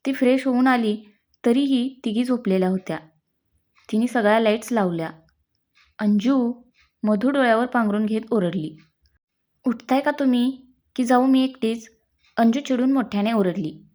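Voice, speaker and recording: A woman's voice: on the high side, a little mellow. A woman with a Marathi accent reading a story aloud and giving every character's lines in her own voice. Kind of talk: scripted story narration.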